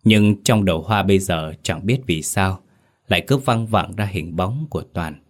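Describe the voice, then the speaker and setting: A man narrating a ghost story in a steady, suspenseful storytelling manner. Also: sits low, normal speed.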